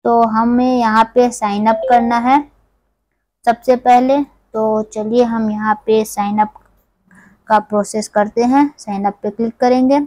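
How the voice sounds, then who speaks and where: A woman's voice: on the high side, flat delivery, unhurried, darkish tone, no room sound, poor audio. A woman host from India walking viewers step by step through an app in a conversational tutorial voice-over. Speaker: tech tutorial channel host. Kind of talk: screen-recorded app tutorial.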